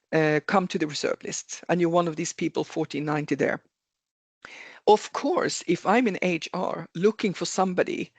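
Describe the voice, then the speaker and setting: A career webinar speaker explains things earnestly over a video call, and the sound is dry with no echo. His gravelly voice sits on the high side. He keeps repeating points and fixing his phrasing mid-sentence.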